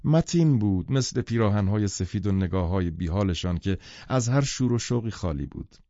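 A low-pitched male narrator reading a novel with lively, expressive intonation. His voice is dark and mellow. The dry recording sounds dull and lo-fi. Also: dry recording. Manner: expressive storytelling. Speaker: audiobook narrator. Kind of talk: scripted audiobook narration.

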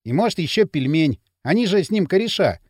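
Кастинг: мужчина играет дерзкого подростка, нетерпеливый, живая интонация, сухо. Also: male voice, sits high, big pitch swings, brisk, a little mellow, husky, no echo, studio quality, exaggerated voice. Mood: defiant. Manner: impatient, defiant. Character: brave hot-headed teenage boy.

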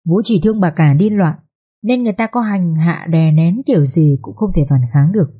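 A woman narrating an audio drama story in a steady, expressive storytelling manner. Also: lowish voice, a little fast, breathy edge, phone-quality sound.

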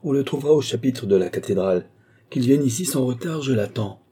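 A man's voice: medium pitch, lively intonation, a little fast, dark tone, breathy edge, voice pushed up. A man voicing a haughty royal princess who gives commands and grows alarmed, read in an audiobook. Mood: imperious. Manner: commanding, indignant. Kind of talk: audiobook character reading.

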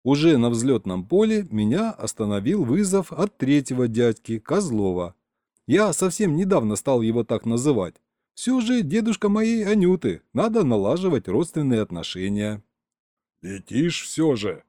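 A man's voice: medium pitch, sing-song, normal speed, dark tone, dry recording, studio quality. A man narrating a comic space adventure audiobook in the first person. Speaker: audiobook reader. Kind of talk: audiobook narration with character voices.

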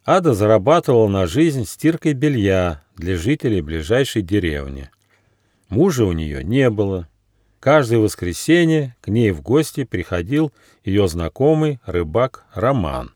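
A man's voice: lowish voice, sing-song, a little slow, a little mellow, no echo, studio quality. A man, the author, reading his children's fairy tale aloud expressively. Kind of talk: storybook narration.

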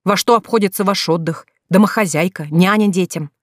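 A narrator voicing a calm, stern older brother who lectures in a level tone in an audiobook. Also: mid-range voice, brisk, no room sound, studio quality, natural voice.

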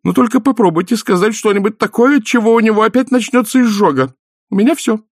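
A haughty former valkyrie, bossy and nagging, corrects her husband in a high, prim falsetto. She is loud and firm, and the recording is dry and close. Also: animated, fast talker, no echo. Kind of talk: audiobook character voice.

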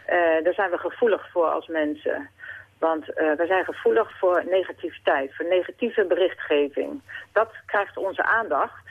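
A woman's voice: on the low side, normal speed, husky. A woman phoning in to a radio show, talking earnestly with many fillers and restarts. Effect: phone-line caller to a radio show. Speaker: caller. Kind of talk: late-night radio call-in chat. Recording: tinny phone line.

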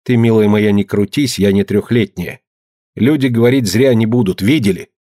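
A man's voice: fairly low pitch, moderate pace, mellow, no room sound, studio quality, lightly acted. A man reading a story, voicing an elderly village mother who scolds her daughter in breathless outbursts. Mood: scolding. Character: scolding elderly peasant mother, quick-tempered.

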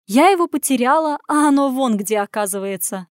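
A domineering head nurse who scolds in a high, sharp, indignant voice, as a woman reading the story puts her on. She speaks in rapid, accusing bursts, recorded close and dry with no room sound. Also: expressive, no room sound, close to an everyday voice. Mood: mock surprise.

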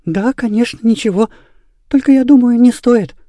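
A woman reading aloud voices a calm, sensible schoolgirl who talks seriously. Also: fairly high pitch, normal speed, no room sound, voice pushed up, close to an everyday voice. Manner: serious and level.

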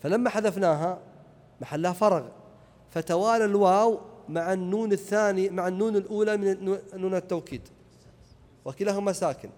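A man's voice: sits high, fast, darkish tone. A man teaching an Arabic grammar lesson, repeating key points and checking that his students follow. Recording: echoey hall reverb.

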